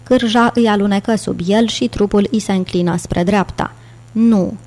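A woman reading a thriller audiobook in a measured, steady narration. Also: mid-range voice. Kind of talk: scripted narration.

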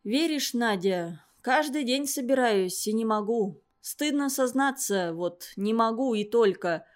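A woman's voice: a little high, animated, a little slow. Woman reading as a grieving village doctor. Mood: anguished. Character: grieving middle-aged male village doctor.

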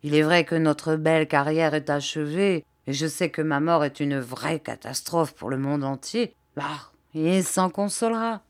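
A woman's voice: sits low, a little slow, few pauses. A woman voicing a blunt, sardonic woman adventurer with a wry, offhand manner.

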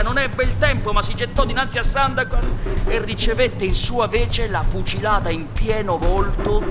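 Male narrator, high-voiced, for a dramatic radio reading of an adventure novel, with a music bed. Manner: dramatic, swings between hushed and raised.

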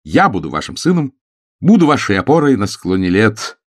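A smooth-talking young suitor, as a male reader voices him, pitched a little above the narration. He rolls out eloquent, cheerful phrases with an animated melody. The sound is dry. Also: moderate pace, dry recording. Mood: glib. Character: young man, self-assured suitor, glib and smooth-talking.

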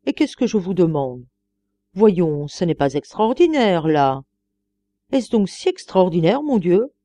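A woman voicing an elderly gentleman who is fussy, obsessive and wheedling, speaking in a coaxing, repetitive way. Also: lowish voice, very animated, measured pace, no room sound. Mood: persuasive. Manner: coaxing, repetitive, rising to pleading.

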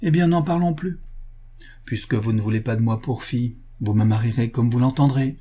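A man's voice: mid-range voice, fairly quick, dark tone, breathy edge, close to an everyday voice. A man reading the part of a young, proud noble heiress who speaks in a cold, decisive, commanding manner. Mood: wistful.

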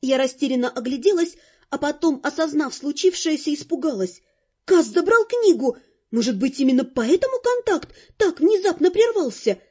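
A woman narrating an audiobook in the first person, lively and expressive, over faint music on a dull lo-fi recording. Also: sits high, moderate pace.

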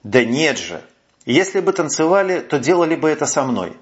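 A man's voice: on the high side, big pitch swings, normal speed, pitched above the performer's own voice. Male narrator as a drunk stubborn young lieutenant, lo-fi audio. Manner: stubborn, slurred. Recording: muffled lo-fi audio.

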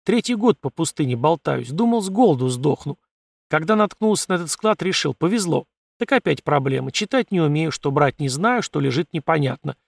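A man's voice: a little high, expressive, brisk, gravelly, no room sound. A man voicing a suspicious, whiny little male desert scavenger who grumbles and pleads. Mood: grumbling.

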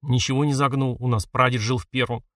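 A man's voice: mid-range voice, level tone, quick pace, a bit bright, no room sound, studio quality, close to an everyday voice. A man reading an audiobook, voicing a sulky, defensive teenage village boy who snaps and grumbles. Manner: snappish, grumbling.

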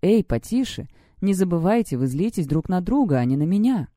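Woman doing a cocky grinning schoolboy, teasing, mellow dry sound. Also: lowish voice, big pitch swings, a little fast, no room sound. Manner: teasing, amused. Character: cocky teenage boy student, grinning.

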